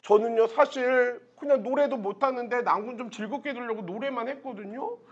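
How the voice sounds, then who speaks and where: A man doing a scheming young concubine, wheedling, feigned innocence, high voice, dull lo-fi sound. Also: a little fast, slightly rough.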